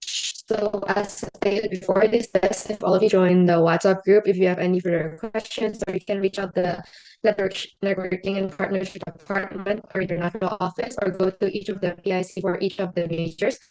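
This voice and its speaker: A woman moderating announcements on a video call, her voice coming through garbled, low-quality call audio. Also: steady tone, a little fast, warm tone. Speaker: event moderator.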